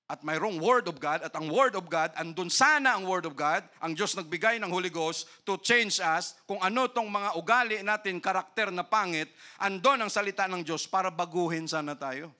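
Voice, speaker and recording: A male pastor from the Philippines preaching a sermon, often tagging his lines with a questioning "no?" and drawing out key phrases slowly for emphasis. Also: sits high, pushed and bright.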